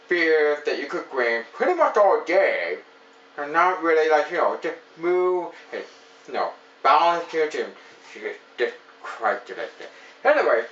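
Recorded from a distant mic, the audio is muffled and reverberant with slight background noise. In it, an Ontario man in his thirties with a mid-range, slightly bright voice rambles enthusiastically through a beer review at home, filling his talk with "you know." He's in a small room with beer-lined shelves.

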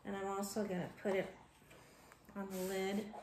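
In her home kitchen, a woman in her thirties who vlogs about homesteading gives casual how-to narration, thinking aloud with ums and restarts as she works at the counter. She has a mid-range voice, flat delivery, and a moderate pace. A fixed camera across the counter captures her indoors, with echo and background noise in the room.

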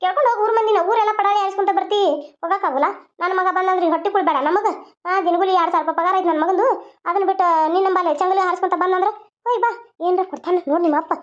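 A woman voicing a nagging, sharp-tongued older mother-in-law in a cartoon. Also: extremely high pitch, fairly even intonation, rapid-fire. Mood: taunting. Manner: scolding, lecturing. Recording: dull lo-fi sound.

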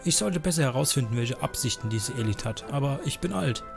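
A man's voice: medium pitch, lively intonation, a little fast, creaky, over music. A man voicing a stern, protective old woman elder from a game, reading her lines in a lecturing, firm tone. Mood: warning.

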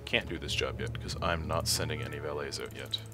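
A man's voice: very deep voice, steady tone, fairly quick. A young man commentating his gameplay, rambling and thinking aloud with a chuckle. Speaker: let's play host. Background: game music.

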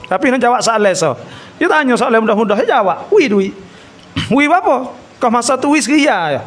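A man with a Kelantan Malay accent giving a religious talk, telling a story with acted-out dialogue and frequent throat clearing. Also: extremely high pitch, brisk. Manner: animated storyteller, acts out dialogue. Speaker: religious lecturer.

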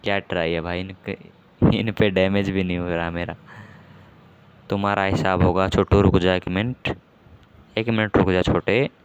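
A man hosting a gaming channel, giving casual commentary on a match with excitable, self-mocking banter and lots of repeated exclamations. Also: low voice, moderate pace, pauses often, clear, resonant tone. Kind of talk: casual live game commentary.

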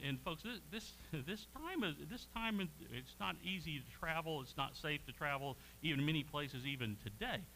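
A man teaching an adult Sunday school class, folksy and animated, often checking in with the class. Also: a little high, slight background noise, low-quality recording. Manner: animated, folksy, frequent "okay?" check-ins. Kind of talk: conversational Bible lesson.

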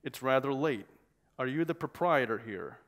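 A man reading aloud from a novel, voicing a smooth, courteous older male smuggler who smirks through his words. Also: medium pitch, expressive, moderate pace, fairly bright tone. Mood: suave. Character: urbane older male drug smuggler, smug and polite.

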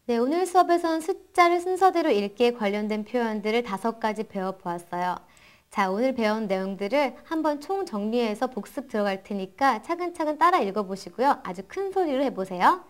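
A young woman teaching math phrases, saying each practice sentence slowly and carefully, and asking and answering her own questions in an encouraging way. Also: fairly high pitch, animated. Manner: slow, careful English model sentences between quick explanations. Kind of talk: bilingual language lesson.

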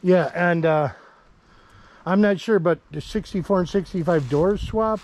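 A man's voice: high-pitched, unhurried, a little mellow. A man chatting casually and enthusiastically as host while filming a walkaround of old cars outdoors in a wooded junkyard. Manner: enthusiastic, easygoing. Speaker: car channel host.

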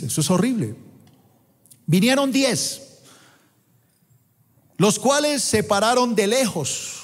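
A man delivers an emphatic sermon at an unhurried pace. His voice sits high, and he stops to let the congregation supply the next word. A long reverb from the church auditorium trails behind every phrase. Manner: emphatic, asks the congregation to fill in words. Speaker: preacher.

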